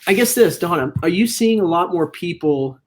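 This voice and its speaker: A man's voice: high voice, lively intonation, moderate pace. Hesitant man co-host. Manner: hesitant, thinking aloud. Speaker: podcast co-host. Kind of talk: casual chat.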